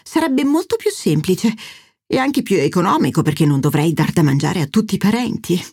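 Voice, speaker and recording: A woman's voice: on the low side, sing-song, fairly quick, mellow, husky, no echo, clean studio sound, heavily acted. A woman voicing a dramatic, flighty middle-aged mother who talks in a lilting, self-pitying way. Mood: theatrical.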